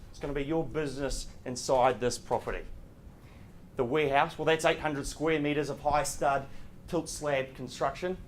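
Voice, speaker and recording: A male auctioneer delivers polished, formal auction patter. His voice sits slightly high. He is courteous and practised, with some noise in the room behind him. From New Zealand. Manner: polished, courteous public speaking. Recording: clear background room noise.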